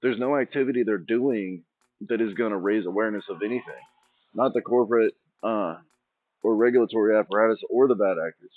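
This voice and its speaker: Here a man with a fairly low voice talks briskly, hosting his own channel in a loose, wandering ramble where he restarts thoughts mid-sentence. The sound is tinny and phone-like, dry with no echo, with faint music underneath.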